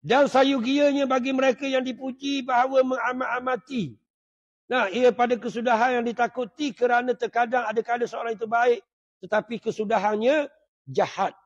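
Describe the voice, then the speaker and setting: High-pitched ustaz preaching, gravelly husky voice, keeps asking "right?", dull lo-fi sound. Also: male voice. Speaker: religious teacher. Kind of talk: sermon. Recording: dull lo-fi recording.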